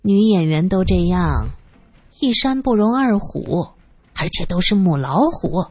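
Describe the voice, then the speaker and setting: A woman voicing a worldly, gossipy lady who teases and chatters on a film set, with a husky voice. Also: on the low side, sing-song, unhurried, darkish tone, no echo, faint music behind, full character voice. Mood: teasing. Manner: teasing, chatty.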